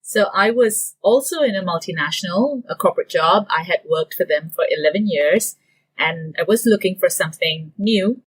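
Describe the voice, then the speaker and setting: A woman's voice: lowish voice, normal speed, slightly rough, low-quality recording. A woman from Singapore, a business owner, giving detailed interview answers with some fillers. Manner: detailed, steady explaining with fillers.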